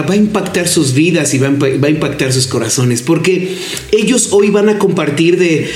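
Higher-pitched Mexican man hosting, roomy sound. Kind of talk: devotional welcome to listeners. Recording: roomy echo. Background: faint music.

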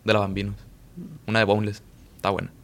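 A man's voice: fairly low pitch, completely flat delivery, fast talker, creaky. A young man with a Mexican accent tells a long story in loose, slangy Spanish. He swears often and quotes himself and others as he goes. It sounds like friends chatting on a podcast. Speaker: podcast co-host. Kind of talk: casual storytelling chat.

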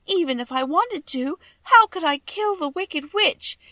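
Woman doing a meek earnest little girl, high and pleading. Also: lively intonation, moderate pace, a bit bright, no room sound. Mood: tearful.

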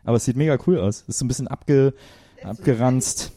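Mellow-voiced man reading listener questions. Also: medium pitch, quick pace. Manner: chatty, reads listener questions aloud. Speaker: podcast co-host. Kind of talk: casual chat.

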